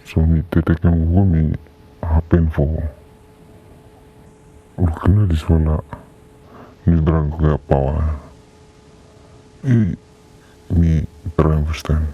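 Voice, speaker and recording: An anonymous speaker from the Solomon Islands with a Pijin accent, whose voice is altered to sound very deep, speaking haltingly in a confessional interview. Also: level tone, slightly rough. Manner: slow, halting, with long pauses. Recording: dull lo-fi disguised audio.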